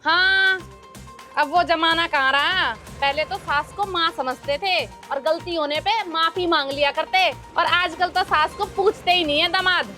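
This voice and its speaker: An actress playing a sharp-tongued, nagging mother-in-law in a comedy sketch, scolding and taunting her son-in-law. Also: very high-pitched, a little slow, few pauses, soft background music, exaggerated voice. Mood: sarcastic.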